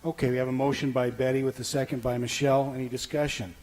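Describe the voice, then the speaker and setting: A man's voice: medium pitch, flat delivery, fast, a little mellow. A man, the mayor, chairing a city council meeting in a friendly, plain-spoken way. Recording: faint background noise.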